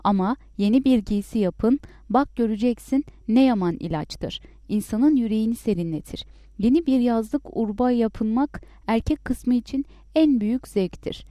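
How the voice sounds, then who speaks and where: A woman voicing a smooth-talking travelling male peddler in a storybook, with sweet flattering sales talk. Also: fairly high pitch, normal speed, no room sound, clean studio sound, lightly acted.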